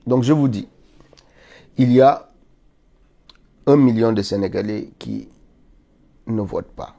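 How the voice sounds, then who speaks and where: A Senegalese political commentator, stuffy with a cold, streams a live monologue that presses insistently and climbs to indignant peaks. His voice is medium-pitched, slow and creaky, with a dark tone and the highs cut off.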